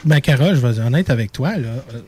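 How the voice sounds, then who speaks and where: A man with an English accent and English as his first language, talking haltingly as a guest and slipping English words in. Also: mid-range voice, animated, warm tone, breathy edge. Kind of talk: casual chat.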